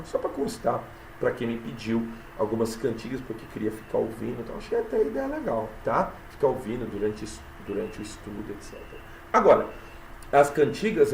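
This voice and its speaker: A man teaching literature in a mid-range, gravelly voice. He explains patiently and keeps checking in with his students. He reads verses slowly to count the syllables. The sound is echoey, with faint background noise. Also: medium pitch, a little mellow. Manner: explanatory, repeats "tá?" and "né?" often. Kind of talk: recorded classroom lesson. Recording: echoey room with light ambient noise.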